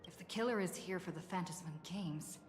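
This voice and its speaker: An actress voicing a mysterious, ominous woman in a video game cutscene, speaking in a hushed, half-whispered way. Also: lowish voice, brisk, soft background music, lightly acted. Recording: long reverb in game audio.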